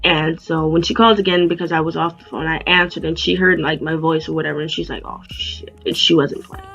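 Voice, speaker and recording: A young adult woman vlogging a storytime in an animated, casual way, with plenty of swearing. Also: low voice, fast, gravelly. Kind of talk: storytime vlog. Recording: dull lo-fi sound with faint music.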